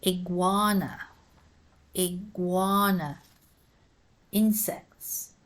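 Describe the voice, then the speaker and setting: Woman teacher, very slow and measured, low-pitched voice, spells words out letter by letter. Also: fairly even intonation. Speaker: English teacher. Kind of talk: slow, careful pronunciation lesson.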